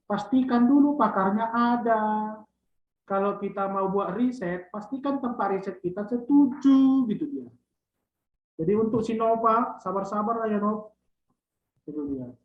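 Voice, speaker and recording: A man, a lecturer guiding students on their theses, who closes phrases with a drawn-out tag and teases. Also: high voice. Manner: drawn-out "gitu dia" tags, teasing. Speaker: thesis supervisor lecturer. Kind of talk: online thesis guidance talk. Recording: echoey, dull lo-fi sound.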